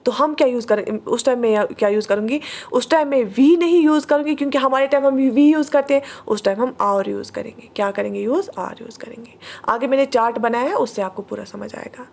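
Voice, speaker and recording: A woman teaching an online English grammar class, explaining patiently, asking the class questions and slowing down to read out examples. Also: a little high, creaky, a little mellow.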